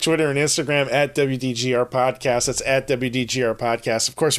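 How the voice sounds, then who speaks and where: A tired man co-hosting a gaming podcast, rambling casually with self-deprecating humor. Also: mid-range voice. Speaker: podcast co-host. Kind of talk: casual chat.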